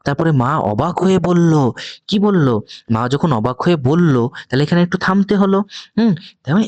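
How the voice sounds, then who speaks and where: A woman's voice: darkish tone, dry recording. A woman from West Bengal teaching a demo lesson on punctuation, often asking questions to check understanding. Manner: questioning, checks "ঠিক আছে?" often, sing-song teacherly pitch swings.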